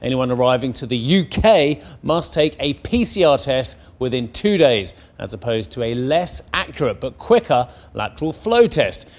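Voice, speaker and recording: A man presenting broadcast news, brisk and assured, with occasional conversational asides. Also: medium pitch, sing-song.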